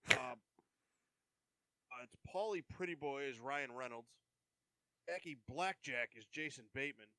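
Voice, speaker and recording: Guy with a bright voice rambling along in a casual chat, lots of uh and um, dead dry sound. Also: mid-range voice, measured pace, no room sound.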